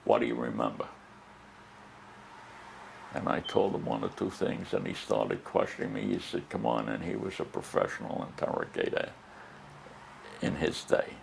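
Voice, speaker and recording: An elderly American man, a war veteran remembering his past in halting, emotional testimony and acting out remembered dialogue. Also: on the low side, vocal fry, a little hiss or hum, poor audio. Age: older, over 70. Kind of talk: oral history testimony, recollection.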